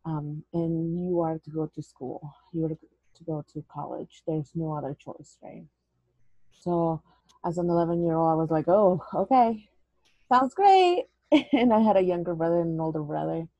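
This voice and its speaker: A woman, her voice low and mellow with a husky edge. She tells her story earnestly as an interview guest. The audio is dull and dry. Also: normal speed, no echo. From El Salvador. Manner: earnest, storytelling, drops in Spanish words. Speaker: guest, educator. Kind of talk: interview conversation.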